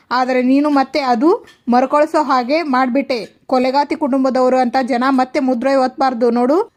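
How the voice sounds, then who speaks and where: A woman's voice: high-pitched, a little mellow, natural voice. A woman voicing a stern, commanding older man who heads a family, speaking firmly.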